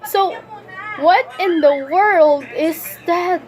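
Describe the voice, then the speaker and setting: A woman's voice: very high-pitched, extremely slow, darkish tone. A woman vlogging a casual Q&A with a stuffy runny nose, rambling, correcting herself and giggling as she goes. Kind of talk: casual Q&A vlog.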